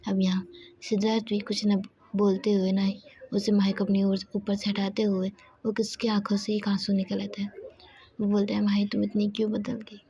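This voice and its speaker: A woman retells a romance story in a soft, half-whispered voice that stays flat and mellow. She often stops to correct herself. The recording is dull and lo-fi with a faint hiss underneath. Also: mid-range voice, moderate pace.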